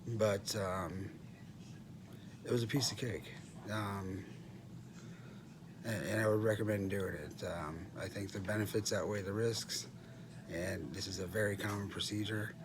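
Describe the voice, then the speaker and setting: A middle-aged man talks casually and haltingly about himself in a subdued way, often clearing his throat, as a patient giving an update from a hospital room. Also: fairly low pitch, fairly even intonation. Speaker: patient recording a post-surgery update. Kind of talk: casual vlog monologue. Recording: clearly noisy room ambience.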